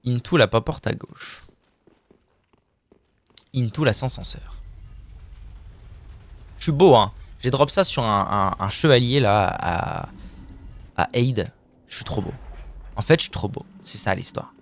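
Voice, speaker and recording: A man's voice: mid-range voice, expressive, slow, long pauses. A young man chatting casually as he streams a video game, joking about himself and slipping into silly voices now and then. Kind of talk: casual live-stream commentary.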